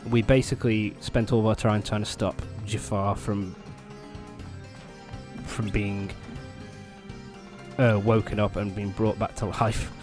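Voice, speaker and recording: Young man, lowish voice, recovering from a cold, casual gameplay commentary, hesitant, sweary, music behind. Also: flat delivery, a little slow, long pauses. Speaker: let's play host. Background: loud game music.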